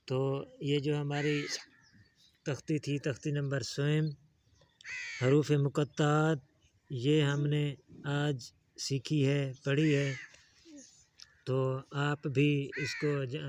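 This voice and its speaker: A patient man leads a one-on-one Quran reading lesson, coaxing his young student along. His voice sits a little high for a man, and he talks slowly. He stretches each letter name out in long, drawn sounds when he models the reading. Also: a little hiss or hum.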